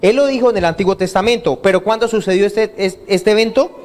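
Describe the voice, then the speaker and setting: A man's voice: high-pitched, quick pace, a little mellow. A male pastor preaching an interactive sermon, asking his congregation questions and having them call out and repeat the answers. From Colombia. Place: church hall.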